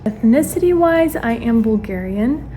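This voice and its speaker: A stay-at-home mom in her early twenties, born in Ukraine and raised in the US, chats earnestly to camera while doing her makeup in a get-ready-with-me video. Her voice is on the high side, expressive and unhurried, with a dark tone. The camera faces her and she uses it as a mirror.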